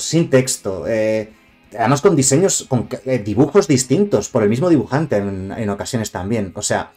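A man with a Castilian Spanish accent talks his way through a live stream in a loose, rambling manner. He drifts off on tangents and greets his viewers by name. Faint music plays quietly behind him. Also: medium pitch. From Spain. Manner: chatty, digressive, greets viewers. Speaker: streamer reviewing card game cards. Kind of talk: casual live-stream commentary.

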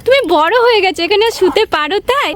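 A woman's voice: very high voice, lively intonation, fast, fairly bright tone, a little hiss or hum. A woman from West Bengal vlogging about her toddler in a home courtyard, chatting fondly and slipping into baby talk, on a lapel mic. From West Bengal, India. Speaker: vlogger, mother. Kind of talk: casual vlog narration. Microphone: wireless lapel mic.

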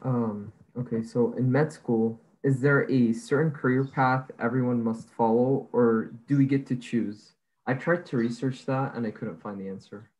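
A man's voice: mid-range voice, fairly even intonation, normal speed, a little mellow. A young man from Egypt, a student politely asking questions with frequent "um"s over a video call. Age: young adult. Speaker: student interviewer. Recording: dull, lo-fi video call audio.

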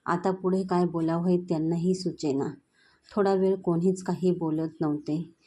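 A woman narrating a family story in a steady, plain reading voice. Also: lowish voice, normal speed.

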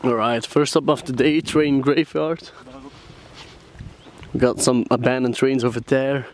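A man's voice: medium pitch, steady tone, a little slow. Chatty man vlogging from Belgium, noisy background. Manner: laughing, loose and chatty. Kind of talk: casual travel vlog. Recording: noisy outdoor camera audio.

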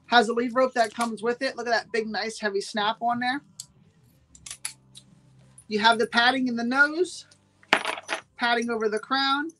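A woman's voice: on the high side, steady tone, a little slow, long pauses, a bit bright, a little hiss or hum, rough recording. A woman hosting a live-streamed sale, chatting with viewers and repeating every price twice. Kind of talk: live-streamed sales pitch.

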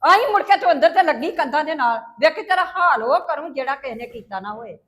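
A woman playing a mother-in-law in a family drama, scolding and sharp-tongued. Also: high voice, animated, quick pace, roomy sound. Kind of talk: scripted family drama acting.

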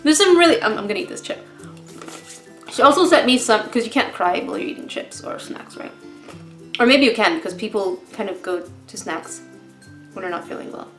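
A woman's voice: medium pitch, animated, brisk, long pauses, echoey room, soft background music. A woman vlogger rambling in a casual unboxing chat, emotional and close to tears, laughing often. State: tearful, emotional.

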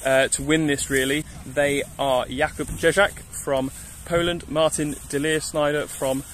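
A man's voice: fairly high pitch, fairly even intonation, measured pace, a bit bright, slight background noise. A young man presenting outdoors on a grass field, talking upbeat and explaining things, recorded on a phone held at arm's length. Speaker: event presenter. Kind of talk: on-location presenting.

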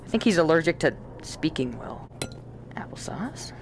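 A man's voice: on the high side, very animated, slow pace, creaky, fairly bright tone, slight background noise. Jokey young man talking back to a game. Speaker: gaming YouTuber. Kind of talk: let's-play commentary.

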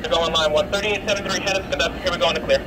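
A man's voice: sits high, fairly even intonation, racing. A man giving brief railroad crew replies over a walkie-talkie radio.

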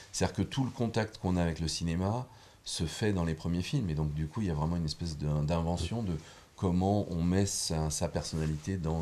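A man's voice: deep voice, mellow. A middle-aged man, a film director, talking reflectively in a TV studio interview, full of hesitations and restarts. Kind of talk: relaxed interview conversation. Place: TV studio set with armchairs. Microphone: lapel mic.

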